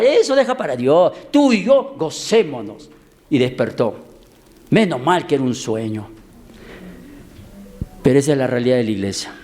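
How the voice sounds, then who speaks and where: A man preaching a sermon as pastor, with dramatic swings in loudness and pitch, stretching words for emphasis and acting out voices in his stories. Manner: acts out voices in a story.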